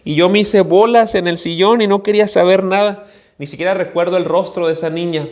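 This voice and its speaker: A Mexican-accented pastor tells a personal story from the pulpit and acts out the voices in it. His voice sits on the higher side for a man. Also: a little fast. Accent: Mexican Spanish. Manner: animated storyteller, acting out voices. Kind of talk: storytelling sermon.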